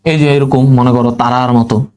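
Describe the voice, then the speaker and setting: A man's voice: mid-range voice, little pitch movement, moderate pace, a little mellow, clean tone. A man teaching biology for exam prep, quizzing his students and drilling memory tricks by repetition. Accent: Bangladeshi Bengali. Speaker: biology tutor.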